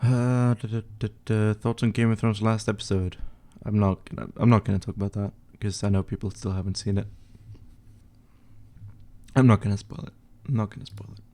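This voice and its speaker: A young Swedish man hosts a laid-back livestream while editing images, reading chat questions aloud and answering in an offhand mumble, swearing under his breath as he goes. His voice sits on the low side, mellow and flat, and he talks fairly quickly.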